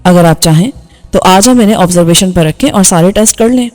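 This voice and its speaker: Woman doing a young doctor, brisk and formal, businesslike, audiobook dialogue, faint music behind. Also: fairly low pitch, a little mellow, in a large hall, voice pushed down, natural voice. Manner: brisk, formal bedside talk.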